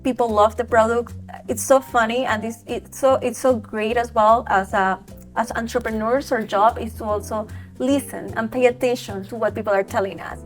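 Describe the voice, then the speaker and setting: A woman from Ecuador, talking as an entrepreneur guest in an enthusiastic, animated way. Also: on the high side, soft background music. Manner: enthusiastic, animated, quick bursts with restarts. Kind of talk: podcast interview.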